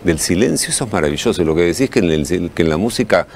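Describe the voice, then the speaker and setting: A man's voice: low voice, animated, rapid-fire, slight background noise. A man with an Argentine accent interviewing a guest, asking playful, teasing questions. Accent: Argentine Spanish. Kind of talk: casual interview chat.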